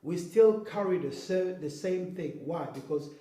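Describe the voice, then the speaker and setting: This interview guest is a Congolese man from Kinshasa with a high, mellow voice and a measured pace. Earnest and explanatory, he keeps making sure the listener follows, asking "okay?" and "you know what I mean?" Roomy echo colors the recording.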